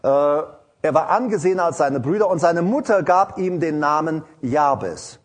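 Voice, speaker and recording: Husky preacher, informal sermon. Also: male voice, a little high, lively intonation, normal speed. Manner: informal, hesitant with fillers, rising to emphatic prayer.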